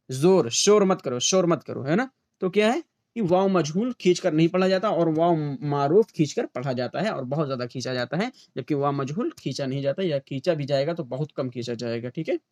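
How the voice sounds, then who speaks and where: A man teaching an online grammar lesson for a teacher exam, asking questions and answering them himself, repeating example words slowly, with an Urdu-inflected accent. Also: fairly high pitch, no echo, clean studio sound. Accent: Urdu-inflected Hindustani.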